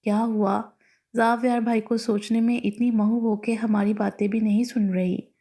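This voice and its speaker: A playful, teasing young woman, the bride's cheeky friend in a storybook, as a woman narrator reads her lines. Her voice sounds mellow and gravelly. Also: a little high, flat delivery, moderate pace, close to an everyday voice.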